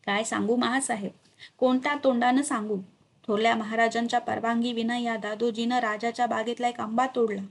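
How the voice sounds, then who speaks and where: Storybook role: remorseful elderly steward, anguished and self-reproaching, read by a woman, slightly high, husky tone. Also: little pitch movement, fairly quick. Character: aged devout male steward, remorseful, stern with himself.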